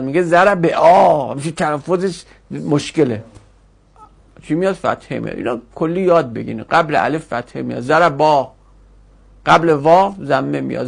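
High-pitched gravelly male teacher. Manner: explanatory, repeats forms slowly for students. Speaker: Arabic grammar teacher. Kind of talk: classroom lecture.

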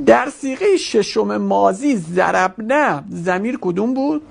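Animated, gravelly-voiced grammar teacher. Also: medium pitch. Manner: questioning, drawn-out explaining. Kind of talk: classroom grammar lesson.

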